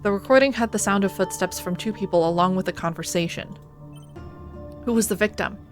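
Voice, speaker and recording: A woman with a mid-range voice narrates and comments on a live game stream. Her delivery is expressive and theatrical, and music plays faintly behind her. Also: mid-range voice, a little fast.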